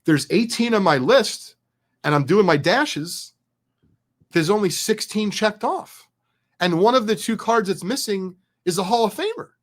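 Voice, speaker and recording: Man, middle-aged, fairly high voice, excitable, chatty, candid storyteller. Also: a little slow. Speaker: card collecting business guest. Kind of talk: animated storytelling.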